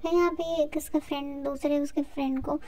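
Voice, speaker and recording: A woman's voice: high-pitched, level tone, brisk, dark tone. A woman retelling the plot of a drama in a chatty, informal way, slipping English words into her storytelling. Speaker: drama recap narrator. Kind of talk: casual storytelling recap.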